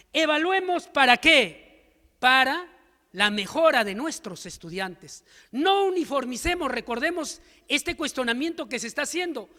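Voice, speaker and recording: A man's voice: very high voice, pushed and bright. A man giving an emphatic seminar lecture to teachers, full of rhetorical questions and stories. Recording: long hall reverb.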